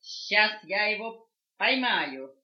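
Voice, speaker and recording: An older woman voicing a small, curious, puzzled puppy in a children's story, asking questions eagerly and stressing her words slowly. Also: mid-range voice, lively intonation. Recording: roomy dull home cassette tape.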